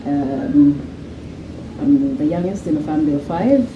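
A woman in her thirties from Uganda, a guest telling her life story in a relaxed, chatty way. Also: low-pitched, a little slow, highs cut off. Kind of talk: casual interview conversation. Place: outdoor garden patio. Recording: echoey with clear background noise.

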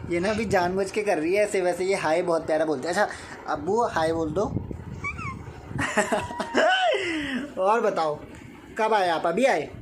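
In a noisy indoor recording at a family home, a young man vlogs casually while playfully coaxing a small child. His voice sits high and swings hugely in pitch, and he speaks unhurriedly with long pauses.

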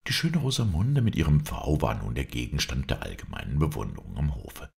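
Very deep gravelly storybook narrator. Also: male voice. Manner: expressive, dramatic reading. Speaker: audiobook reader.

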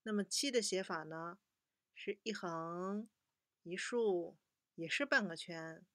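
A young woman teaching a children's language lesson, patiently slowing down to model each word for repetition. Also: lowish voice, no room sound, clean studio sound.

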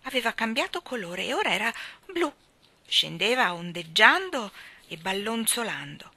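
A woman reads a children's story aloud with lively, rising and falling intonation. Her voice is bright and clear, recorded close and dry, and sinks to a near whisper at times. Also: medium pitch, moderate pace, no echo. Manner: expressive, hushed in quiet passages. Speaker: narrator. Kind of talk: audiobook reading.

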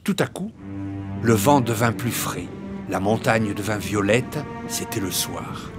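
A man reading a classic children's story aloud, expressive, with dramatic swings in his delivery. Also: on the low side, measured pace, music in the background.

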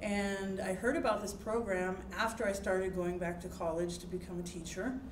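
A woman's voice: mid-range voice, level tone, moderate pace. A woman in her thirties, a teacher education student, answering interview questions earnestly in a classroom and laughing easily. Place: classroom, indoors. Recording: echoey classroom with light noise.

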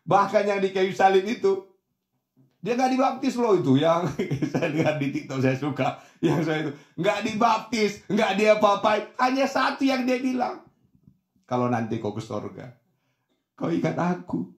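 A middle-aged male pastor preaching a lively sermon, acting out the voices in his stories and swinging from soft asides to shouts. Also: high-pitched, moderate pace, echoey room. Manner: animated, acts out voices of others in dialogue, swings from soft to shouting.

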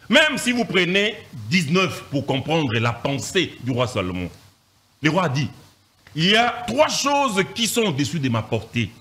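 A man, a pastor teaching from the Bible in an animated, emphatic way, repeating phrases and firing rhetorical questions. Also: on the high side.

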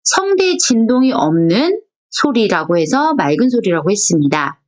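A woman from Korea teaching a Japanese class. She is patient, repeats each point, asks the class questions and sounds out syllables slowly one by one. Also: medium pitch, big pitch swings. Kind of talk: recorded online class lecture.

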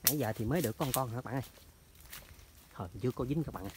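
Chatty, fast-talking man outdoors. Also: mid-range voice. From southern Vietnam. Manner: chatty, addresses viewers constantly. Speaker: trapping vlogger. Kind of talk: casual outdoor vlog narration. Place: outdoors in rural orchards and canal banks. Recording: noisy outdoor field recording.

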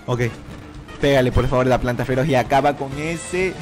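A man giving animated commentary over a video game, talking straight to his viewers and urging the game on with repeated cries. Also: medium pitch, fast talker, music in the background. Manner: talks to viewers as "chicos". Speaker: gaming YouTuber. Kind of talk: excited Let's Play commentary.

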